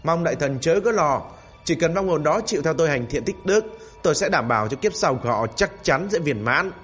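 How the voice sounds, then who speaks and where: Guy doing a young ghost-hunter monk type, cocky and quick to anger, kinda high voice. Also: animated, a bit bright, faint music behind. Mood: polite, composed. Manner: polite at first, then cursing angrily. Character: young male Taoist exorcist, bold and hot-tempered.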